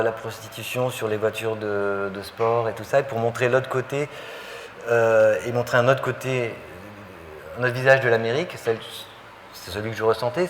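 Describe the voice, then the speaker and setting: A man's voice: medium pitch, slight background noise. Hesitant French-speaking man, conversational. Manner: hesitant, many fillers and restarts. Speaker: photographer guest. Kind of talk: public interview, conversational. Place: live public interview before an audience.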